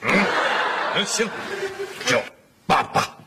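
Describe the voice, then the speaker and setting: An actor playing a nostalgic, boastful middle-aged husband who chuckles and rambles as he reminisces, in a sitcom. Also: very slow. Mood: teasing. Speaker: sitcom father. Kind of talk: sitcom acting. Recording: loud background noise on TV audio.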